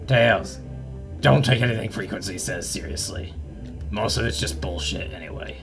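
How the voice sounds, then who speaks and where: A man hosting a casual roleplay, showing off characters and bursting into shouted swearing. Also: lowish voice, normal speed, music in the background. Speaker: roleplay host.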